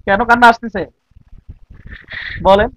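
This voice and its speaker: A man's voice: very high voice, fairly even intonation, measured pace, fairly bright tone, low-quality recording. A man working as a religious healer, questioning a family and then preaching to viewers with Arabic blessings.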